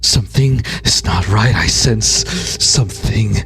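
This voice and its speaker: A man's voice: lowish voice, a little slow, natural voice. Tabletop game role: male game master as alarmed warrior goddess, commanding and urgent, over background music. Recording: music behind the voice.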